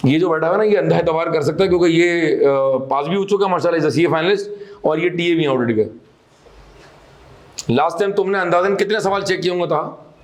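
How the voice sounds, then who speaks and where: Guy teaching a class, pretty high voice, scolds a lot, throws in english words. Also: fairly quick. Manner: scolding, emphatic, mixes English terms. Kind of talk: classroom lecture.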